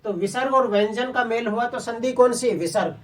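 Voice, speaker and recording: A woman's voice: fairly high pitch, steady tone, fairly quick, far from the mic. A woman teaching a Hindi grammar class online. She asks the class questions and answers them herself, often calling her listeners children.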